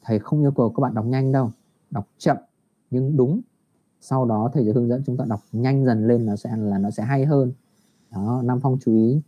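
A male teacher leads an online English lesson for primary children over a video call, patiently encouraging his young pupils and drawing out English phrases slowly. His medium-pitched voice comes through a computer mic, giving dull, muffled, lo-fi call audio.

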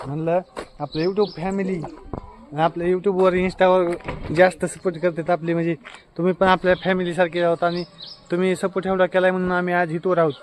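A man's voice: sits high, little pitch movement, fairly quick, a little hiss or hum. A young man from Maharashtra, a family vlogger, chatting casually and repetitively to his viewers outdoors by his house on a phone camera. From Maharashtra, India. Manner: chatty and repetitive, often calling loudly to his wife. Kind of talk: casual vlog talk to viewers.

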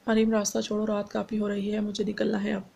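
A woman's voice: medium pitch, fast talker, vocal fry, breathy edge. Woman reading as a serious, reserved young man. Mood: cold. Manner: calm, reserved, soft-spoken. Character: young man, cool and serious, then gently teasing. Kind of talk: audiobook dialogue reading.

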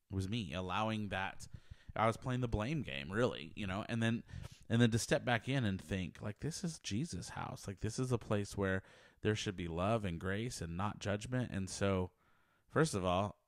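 A podcast host with a very deep, low voice delivers a personal faith monologue from a small home office, speaking earnestly into a handheld dynamic mic held close to his mouth. He rambles a bit, repeating himself and restarting sentences. The recording is dry and close, with almost no room tone.

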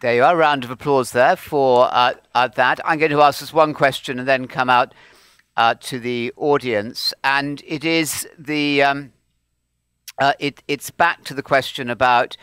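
Man moderating a live q and a, smooth crisp voice, dry close sound, brisk and genial. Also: medium pitch, steady tone, fairly bright tone, no echo. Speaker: conference host and moderator.

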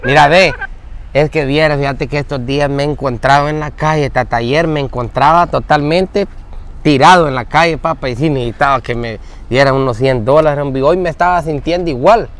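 Slangy man, higher voice. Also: a little fast. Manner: pleading, slangy banter. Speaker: comedy sketch actor. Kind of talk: comedy sketch acting.

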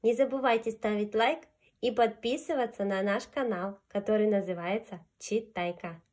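A woman's voice: mid-range voice, steady tone, normal speed, darkish tone. A woman reading a fairy tale aloud to young children in a sing-song storyteller's manner. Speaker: children's storyteller fronting a puppet.

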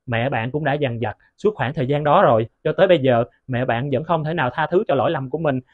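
A man playing an earnest student ghost hunter who coaxes a spirit to move on, speaking in a rapid, coaxing way. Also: mid-range voice, dry recording, natural voice. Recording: tinny phone-like recording.

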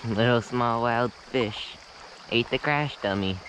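A man fly fishing while wading a small stream keeps up low-key running commentary, making short remarks to himself and the fish. It's recorded on a head-mounted action camera, with loud rushing stream water in the background.

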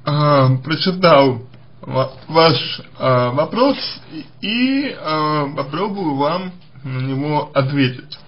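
A man answering a listener's question as a psychologist, speaking slowly and haltingly with many hesitations and restarts. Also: on the high side, dull audio. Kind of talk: recorded advice monologue.

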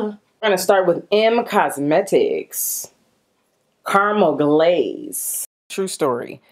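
A woman's voice: deep voice, darkish tone. A young adult woman chatting casually into a handheld mic as a beauty vlogger, playful and sing-song, joking and breaking into little rhymes. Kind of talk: casual chat.

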